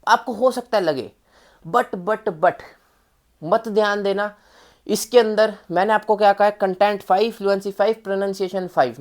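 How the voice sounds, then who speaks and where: A woman giving a casual exam-prep lesson, mixing in English phrases, talking to viewers in a familiar way and repeating key points. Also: medium pitch. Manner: mixes Hindi with English phrases. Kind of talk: casual spoken lesson to students.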